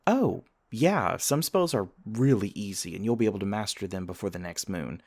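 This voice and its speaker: This speaker's voice sits on the low side, animated yet moderately paced, as he acts out an ASMR scene as a teasing vampire student guiding a campus tour. The tone stays relaxed and informative, chatting directly to the listener with light humor.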